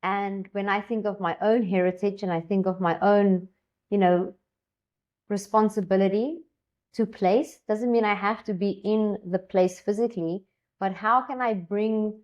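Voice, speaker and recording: A South African woman who speaks Afrikaans, a co-founder and education designer, talks casually and enthusiastically, rambling with many fillers and restarts. Her medium-pitched voice is fairly even and a little slow, and the audio sounds dull.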